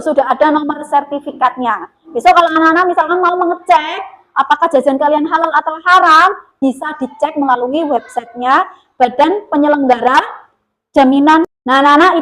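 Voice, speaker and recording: A woman's voice: high-pitched, low-quality recording. A woman teacher giving a lesson to a class of children, asking them questions and calling herself by her teacher name. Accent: Indonesian. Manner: lively, questioning, refers to herself as [name].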